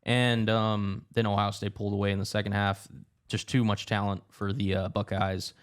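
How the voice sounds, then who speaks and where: A young man co-hosting a casual sports podcast, running through rankings in a quick broadcaster's manner. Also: on the low side, little pitch movement. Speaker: podcast co-host.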